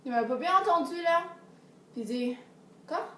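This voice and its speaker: Animated high-voiced young woman storyteller. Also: moderate pace, distant mic, a little hiss or hum. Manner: animated, swinging from hushed asides to excited cries. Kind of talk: performed comic monologue. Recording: roomy echo.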